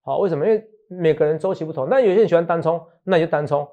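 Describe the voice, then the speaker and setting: A man's voice: fairly high pitch, racing, lo-fi sound. A middle-aged man with a Taiwanese Mandarin accent hosting a stock market show in a chatty, teasing way, often checking in with his co-host. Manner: chatty, teasing, jokes and laughs often, asks "好不好". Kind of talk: casual market talk show chat.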